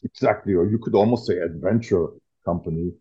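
A man's voice: sits low, a little fast, mellow, breathy edge. A man explaining things with enthusiasm as a guest author in an interview. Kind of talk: casual interview talk. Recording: dull lo-fi audio.

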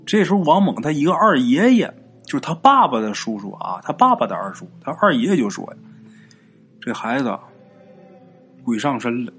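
A man's voice: big pitch swings, fast, a bit bright, breathy edge, soft background music. A man, casually telling a ghost story and acting out the characters' lines. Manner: colloquial, acts out characters' lines with big pitch jumps.

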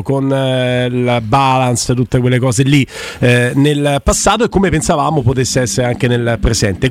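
A man hosting a live football talk show, conversational and putting questions to his guests. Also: a little high. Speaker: sports radio host.

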